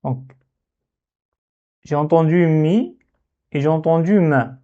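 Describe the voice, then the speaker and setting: Man, teacher, thinking aloud, slow, mellow voice, dull lo-fi recording. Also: on the high side. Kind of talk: Arabic letters lesson. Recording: dull lo-fi sound.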